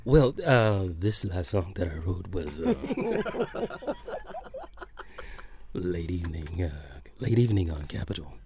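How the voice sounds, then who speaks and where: A middle-aged man, a singer-songwriter guest talking softly and romantically in a relaxed studio chat. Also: low voice, slow pace, long pauses, crowd noise. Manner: soft-spoken, romantic, laughs often.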